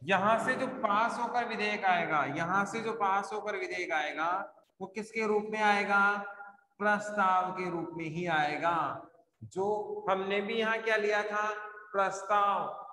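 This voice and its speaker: A male teacher lectures slowly and deliberately in a live class, repeating key points and firing questions that he answers himself. His voice is high and bright. The room around him is echoey, with a long reverb tail.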